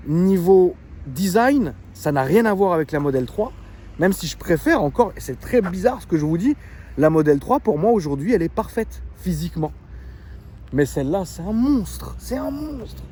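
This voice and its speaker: A man's voice: sits high, normal speed, pauses often. Chatty man vlogging about his car. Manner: chatty, animated, full of fillers. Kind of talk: casual vlog storytelling and car demo.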